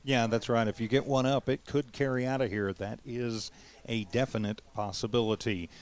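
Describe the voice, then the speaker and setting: A man calling a local high school baseball game play by play, chatty and quick to laugh at himself. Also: steady tone. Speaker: play-by-play announcer.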